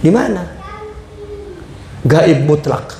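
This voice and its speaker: An Indonesian-accented man gives a religious lesson, reading out a line of the text and then explaining it plainly. His voice sits fairly high and moves at an unhurried pace. The recording carries the echo of the room. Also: sing-song, gravelly, dark tone, slight background noise.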